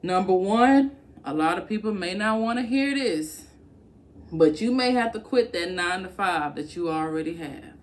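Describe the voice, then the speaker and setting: A woman's voice: fairly low pitch, animated, normal speed. A woman giving casual, blunt work-from-home advice to camera, talking emphatically and colloquially.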